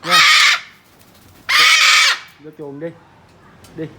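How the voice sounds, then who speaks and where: An older woman with a Southern Vietnamese accent, coaxing and scolding her pet bird at home in a casual home video. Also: very slow. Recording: loud background noise, bird calls.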